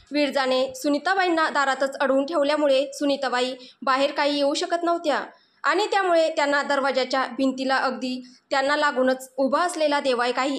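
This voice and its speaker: A woman narrating a romantic story in an emotional, expressive way. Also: sits high.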